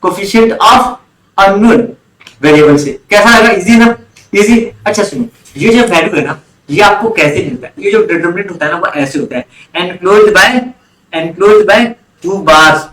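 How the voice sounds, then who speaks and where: A man's voice: high-pitched, unhurried, a bit bright, echoey room, poor audio. A man teaching an online commerce class, often quizzing students and repeating key terms. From India. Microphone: online class recording.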